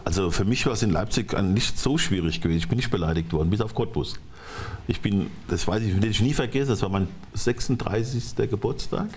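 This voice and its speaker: A middle-aged man talking as a studio guest on a talk show, halting and restarting his sentences often. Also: lowish voice, a little mellow, slight background noise. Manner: halting, frequent restarts and repeated words. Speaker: studio guest, former football coach.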